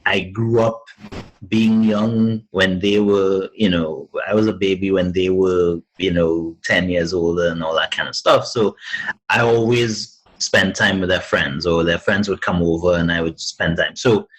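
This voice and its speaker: A man's voice: sits low, steady tone, unhurried, slight background noise, poor audio. A young man from Trinidad and Tobago, a podcast guest chatting casually, with many fillers, restarts and easy laughs. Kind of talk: casual interview chat.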